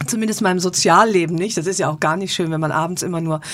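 A middle-aged woman, a talk show guest, telling lively anecdotes with self-mocking humor. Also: lowish voice, rapid-fire.

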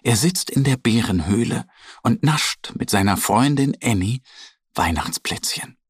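A man narrating a children's story in an animated, expressive way. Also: medium pitch, measured pace, husky, no echo, clean studio sound.

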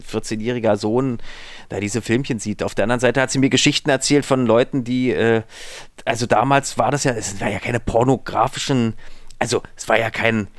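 A man's voice: medium pitch, fairly even intonation, a little fast, no echo, studio quality. A man from Berlin, a podcast guest, telling stories from his bed in a rambling, hesitant casual chat full of fillers. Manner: rambling, digressive, with many hesitations.

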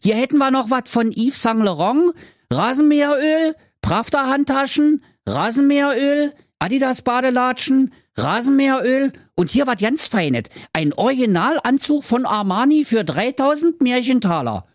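A man voicing a cheeky, scheming shopkeeper and crook who pitches his goods fast in a Berlin accent. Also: lively intonation, no echo, studio quality. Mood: wheedling. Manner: fast-talking sales pitch.

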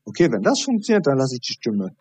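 A man, a high performance coach, talking as a podcast guest and acting out dialogue while he tells stories. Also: fast, breathy edge, no room sound. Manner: animated storytelling, acting out dialogue.

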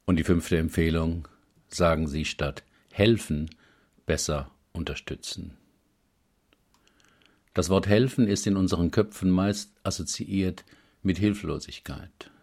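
Man, very low voice, husky, calm and measured, reading self-help advice aloud.

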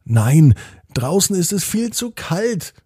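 A stubborn young boy in a storybook, voiced by a man. He talks firmly and insists on getting his way, in a raised, husky voice with a dry, close sound. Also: high voice, big pitch swings, moderate pace, dry recording, pitched above the performer's own voice, full character voice. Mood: insistent. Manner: firm, insistent.

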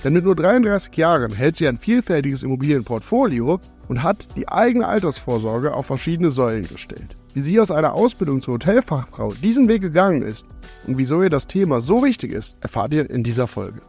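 A man's voice: fairly high pitch, very animated, a little fast, darkish tone, husky, soft background music. A man hosting a podcast, reading the intro and asking questions in a friendly, upbeat way. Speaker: podcast host.

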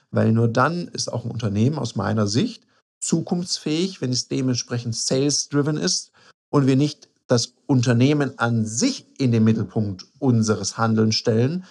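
A man hosting a solo business podcast, addressing the listener directly in a relaxed, informal way. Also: medium pitch. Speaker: podcast host and sales trainer.

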